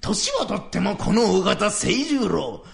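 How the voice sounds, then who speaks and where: A man voicing a proud, solemn old retired samurai, telling a story slowly and gravely in traditional comic storytelling. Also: high-pitched, sing-song, exaggerated voice. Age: older.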